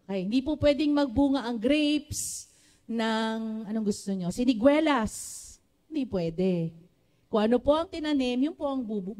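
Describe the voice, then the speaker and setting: A woman with a Filipino accent preaching a sermon to a church congregation, with a naturally loud voice, often calling on the congregation to respond. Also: high voice. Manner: switches between Tagalog and English, asks the congregation for responses.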